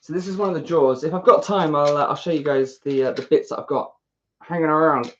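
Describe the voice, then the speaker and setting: A woman's voice: low voice, fast talker. British woman, casual self-deprecating rambler, dull lo-fi mic. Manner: chatty, self-deprecating, talks to herself. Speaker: YouTuber building a model kit. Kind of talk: casual rambling chat while building. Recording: dull lo-fi recording.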